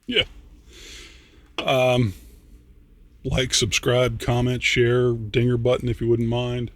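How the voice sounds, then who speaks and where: Older guy reacting to a song, slow drawl, a bit drunk and slurry, dry close sound, cusses and trails off a lot. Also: mid-range voice, little pitch movement, no room sound. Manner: rambling, halting and swearing. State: tipsy, slightly slurring. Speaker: reaction video host. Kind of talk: casual spoken reaction.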